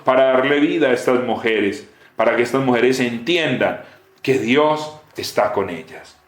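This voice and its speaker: A man preaching a sermon with emotion, dropping soft and rising loud. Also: fairly high pitch. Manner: emotional, swings between soft and raised voice. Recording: roomy echo.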